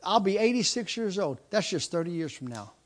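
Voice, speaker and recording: A pastor in his mid-fifties preaches with a voice that sits unusually high for a man, swinging widely in pitch and moving a little fast. He drives his message home by repeating himself, returning to phrases and starting sentences over.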